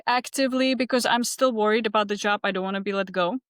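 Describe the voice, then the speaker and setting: A woman with a medium-pitched voice speaks reflectively in a casual debrief. She builds her thoughts in short, halting pieces, recorded close and dry. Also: smooth, no echo.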